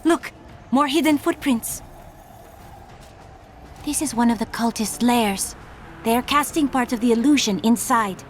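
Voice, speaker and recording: A woman's voice: fairly high pitch, a little hiss or hum, close to an everyday voice. A woman playing a solemn, earnest enchantress with formal speech in a video game. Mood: watchful. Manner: formal, measured declarations. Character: solemn ancient enchantress, young-sounding and earnest.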